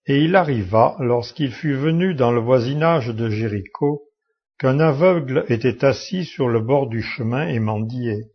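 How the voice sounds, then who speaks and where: A man reading a Bible passage aloud in a steady, measured way. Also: medium pitch, husky. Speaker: scripture reader. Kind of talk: slow scripture reading. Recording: dull lo-fi recording.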